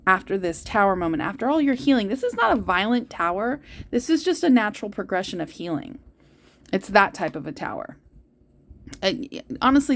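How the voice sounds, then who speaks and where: A woman giving a heartfelt tarot reading, talking earnestly and directly to her listeners. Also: medium pitch. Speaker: tarot reader. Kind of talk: spiritual tarot reading to viewers.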